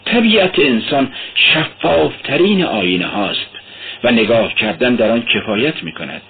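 A man's voice: mid-range voice, big pitch swings. A man voicing a sly, talkative police investigator who lectures and then fusses anxiously. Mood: lecturing. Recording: tinny lo-fi radio recording.

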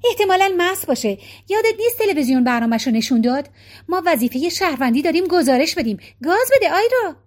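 A woman's voice: very high-pitched, sing-song, pitched above the performer's own voice. A woman reading the part of an impulsive, talkative wife who urges and pleads, raising her voice for her in an audiobook. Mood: urgent. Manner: urgent, pleading, rapid.

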